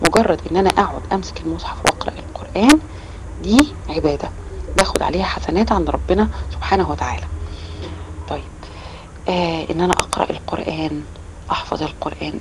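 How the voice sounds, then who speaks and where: A woman with an Egyptian accent giving a lesson to children, explaining with many rhetorical questions. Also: fairly low pitch. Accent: Egyptian Arabic. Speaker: children's religious teacher. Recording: loud background noise with clicks.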